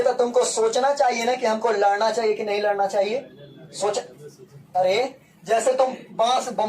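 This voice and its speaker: A man's voice: very high voice, far from the mic. Brief: male teacher, playful lecturing, mic set back in a classroom. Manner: lively, playful, acts out scenes in dialect.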